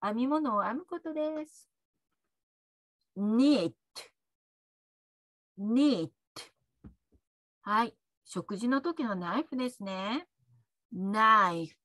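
A woman teaching English pronunciation. She speaks slowly and chats between words, adding little tags as she explains, and draws out model words for the learner to repeat. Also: a little high, expressive, a bit bright, no room sound, studio quality. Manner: chatty, adds little "ne" tags while explaining. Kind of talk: pronunciation lesson with repeat-after-me drills.

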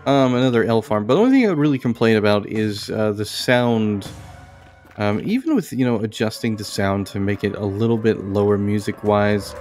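Over game music, a man hosting a gaming video talks in a fairly low, animated voice at a fairly quick clip, slightly mellow in tone. His commentary is casual, rambling and thought-out-loud as he plays.

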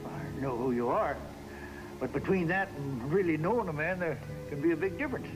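An actor playing a shrewd, probing elderly lighthouse keeper in an old television drama, talking in a folksy, hesitant way. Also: male voice, fairly high pitch, expressive, a little fast, music in the background, close to an everyday voice, poor audio. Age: older. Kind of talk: 1950s television drama acting. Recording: old television recording with faint hiss.

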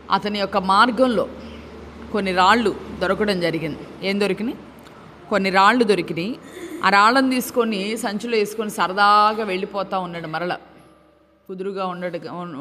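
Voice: medium pitch, fairly bright tone. A Telugu-accented pastor giving a sermon, telling a story and asking the listeners rhetorical questions. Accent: Telugu, Andhra Pradesh. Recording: long reverb in a hall.

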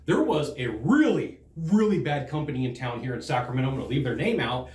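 A middle-aged man teaching sales to camera in a studio, talking in a lively, conversational way and acting out what customers say. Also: mid-range voice, brisk, roomy sound. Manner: animated, conversational, acts out customer quotes. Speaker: sales trainer. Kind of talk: direct-to-camera training talk. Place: studio in front of a green screen. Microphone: fixed camera, standing at a desk.

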